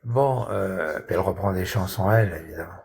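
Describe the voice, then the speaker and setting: A man's voice: low voice, a little fast, vocal fry, darkish tone. Rambling older man, 60s, repeats himself, crude slang, talks to himself. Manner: repetitive, crude slang, thinks aloud. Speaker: social media commentator. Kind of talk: rambling casual monologue.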